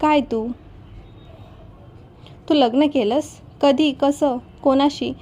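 A woman reading the lines of a teasing, dramatic young bride-to-be in a storybook tale, with a playful voice that is quick to shout. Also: sits high, steady tone. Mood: excited.

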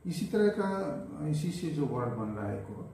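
A man teaching English grammar in Hindi at a board. He explains slowly, repeats each word and keeps asking "right?" and "clear?". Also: fairly high pitch, sing-song, dark tone. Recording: echoey room, faint background hiss.

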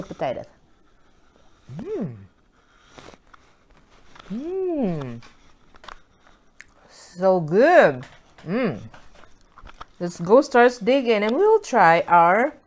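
A woman hosting a casual eating vlog, chatty and excited, with drawn-out exclamations between bites. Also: mid-range voice. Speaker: mukbang vlogger.

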